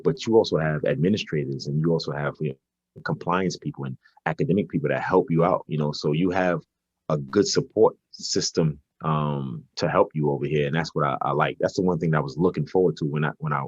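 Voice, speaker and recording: This man in his 40s, a basketball coach from Brooklyn, New York, speaks at a brisk clip in an extremely low, slightly rough voice. He fields interview questions in a chatty way, pausing and repeating himself while he thinks. The recording is dry and lo-fi.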